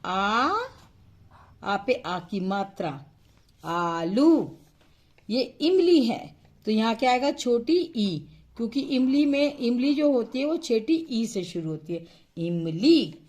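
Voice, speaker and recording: In an instructional lesson, a woman shows how to write and pronounce vowels, stretching out the sounds to model them. Her voice is a little high with lively intonation, and she's slow and patient, posing questions and then answering them herself.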